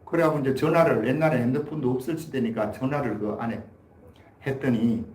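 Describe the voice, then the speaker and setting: Brisk and slightly mellow, a man of medium pitch preaches as pastor on a Sunday in an echoey church sanctuary. He relates a story in a folksy style and then hammers the point with emphatic exhortation.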